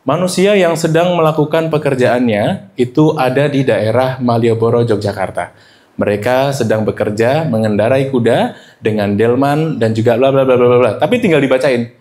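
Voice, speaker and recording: A man in his thirties teaches a presentation workshop. He is lively and demonstrative, breaking into quick high and low example voices. His own voice sits at an ordinary middle pitch. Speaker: presentation trainer. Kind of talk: workshop lesson.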